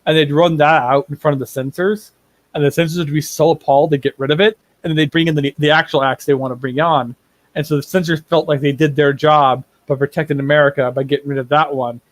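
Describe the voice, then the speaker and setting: Rambling, higher-voiced man running the game. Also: steady tone, quick pace, dry recording. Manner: rambling, repeats words while building a rant. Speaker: game master. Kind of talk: running a tabletop game, casual chat.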